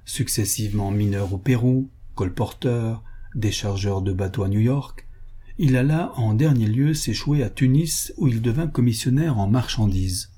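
A man narrating a novel as an audiobook in a measured, even storytelling manner. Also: on the low side, breathy edge.

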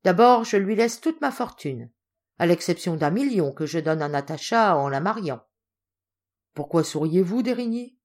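A woman's voice: on the low side, expressive, normal speed, darkish tone. A woman voicing a boisterous, generous old male Russian general who speaks in commanding exclamations. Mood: exuberant.

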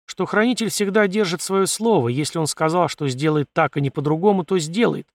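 A man's voice: on the high side, fairly quick, no echo, pitched above the performer's own voice, lightly acted. A man voicing a suspicious, whiny little male desert scavenger who grumbles and pleads. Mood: grumbling.

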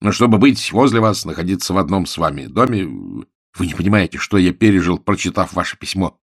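Male reader playing an impulsive young suitor, eager and insistent, husky and very animated. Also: low voice, brisk, no room sound, studio quality, full character voice. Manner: eager, insistent, repeats himself. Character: ardent, impulsive young man in love.

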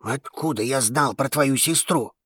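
A woman reading an audiobook and voicing a gruff, cynical old male space trader who talks in a surly, blunt way. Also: a bass voice, measured pace, a bit bright, no room sound, studio quality, pitched below the performer's own voice, exaggerated voice.

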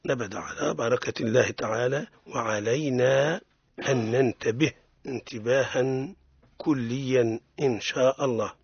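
A man with a Tunisian accent hosting a radio lesson on Quran recitation, explaining each rule slowly and repeating every example. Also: mid-range voice, breathy edge, dry recording, lo-fi sound. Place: radio studio.

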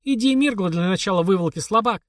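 Audiobook: male reader as a scolding, mocking mother, voice pushed high. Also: fast, no echo, studio quality, lightly acted. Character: sharp-tongued mother, woman of the wasteland. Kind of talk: audiobook character voice.

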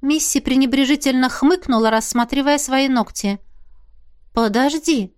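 Brief: female audiobook narrator with a fairly high voice, even and measured delivery. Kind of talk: scripted fantasy narration.

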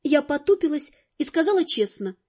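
A woman narrating an audiobook in the first person, lively and expressive, over faint music on a dull lo-fi recording. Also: high-pitched, normal speed.

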